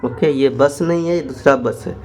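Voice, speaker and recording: A man teaching spoken English, explaining phrases in quick asides and then dictating them slowly word by word. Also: medium pitch.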